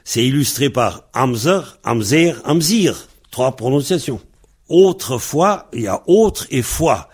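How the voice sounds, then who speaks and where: A man's voice: mid-range voice, big pitch swings, a little slow, darkish tone, husky. A man giving a patient lesson on Breton pronunciation, spelling out words letter by letter and comparing dialect variants. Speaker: Breton language teacher.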